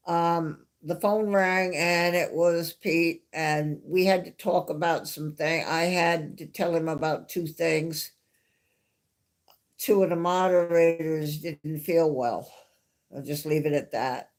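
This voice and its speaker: A low-voiced woman with a New York accent hosts a laid-back live stream, rambling as she chats and now and then letting out a soft laugh.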